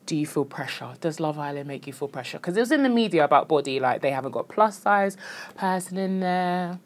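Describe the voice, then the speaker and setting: A British woman co-hosting a studio chat show, her pitch leaping around as she tells stories. She acts out other people's lines in quick little voices. The voice is clear and close to the mic. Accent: British English. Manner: animated storyteller, acts out quotes. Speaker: podcast co-host. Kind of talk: casual chat. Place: recording studio.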